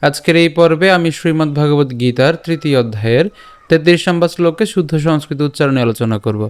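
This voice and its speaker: A man teaching Sanskrit verse pronunciation, repeating each syllable slowly and checking in with his listeners. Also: fairly high pitch, smooth. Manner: slow syllable-by-syllable repetition, frequent "ঠিক আছে?". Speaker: Gita teacher. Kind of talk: pronunciation lesson.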